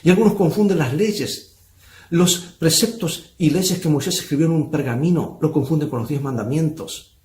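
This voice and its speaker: A man's voice: on the high side, moderate pace, darkish tone. Preaching man in an echoey room. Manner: preaching with rhetorical questions to the brethren. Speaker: pastor. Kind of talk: sermon.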